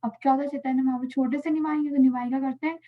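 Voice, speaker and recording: High-voiced woman telling a children's story. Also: racing. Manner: animated, playful, with sound effects. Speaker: Sunday school storyteller. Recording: tinny phone-like audio.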